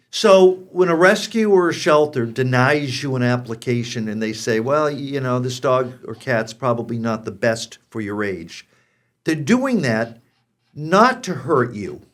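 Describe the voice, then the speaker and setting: Male host, sixties, American, medium pitch, conversational and frank presenting style. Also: animated, a little slow. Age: 60s. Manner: frank, direct address to viewers. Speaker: pet show host.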